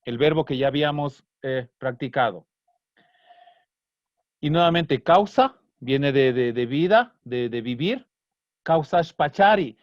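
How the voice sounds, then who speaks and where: A man teaching an online Kichwa language class, patiently breaking down song lyrics and slowly repeating words. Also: medium pitch, no echo. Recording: dry, slightly dull online class audio.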